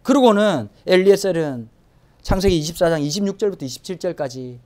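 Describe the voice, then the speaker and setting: Animated woman preaching a Sunday sermon. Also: lowish voice, brisk. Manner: animated, swings from hushed to emphatic exclamations. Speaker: pastor. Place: church sanctuary.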